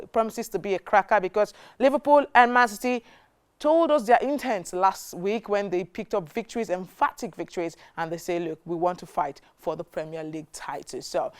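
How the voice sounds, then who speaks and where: A woman with a Nigerian English accent presenting a TV sports segment, reading fixtures with lots of fillers and chatty asides. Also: lowish voice. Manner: chatty, many fillers, proud and excited about home team. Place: TV studio.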